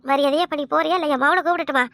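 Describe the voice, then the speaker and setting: A woman doing a shrill, scolding village mother-in-law. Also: fairly even intonation, rapid-fire, fairly bright tone, dry recording. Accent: Kanyakumari Tamil. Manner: scornful, scolding, harsh insults. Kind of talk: cartoon comedy voice acting.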